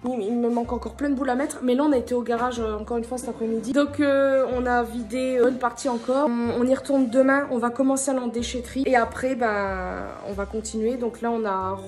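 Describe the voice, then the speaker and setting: A woman's voice: on the high side, steady tone, fast talker, few pauses, a little mellow, faint music behind. A woman chatting casually to her vlog audience at home, rambling and tripping over her words. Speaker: vlogger. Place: at home indoors.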